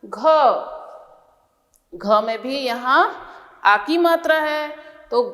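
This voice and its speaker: A woman's voice: sits high, animated, drawn-out words, pushed and bright, big-room sound. A woman teacher giving a kindergarten reading lesson, sounding out letters and syllables one by one.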